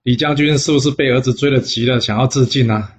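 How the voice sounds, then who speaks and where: A man's voice: medium pitch, fast, slight background noise, natural voice. A storyteller with a Taiwanese Mandarin accent voicing a genial, teasing old Taoist immortal man. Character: amused elderly male Taoist immortal.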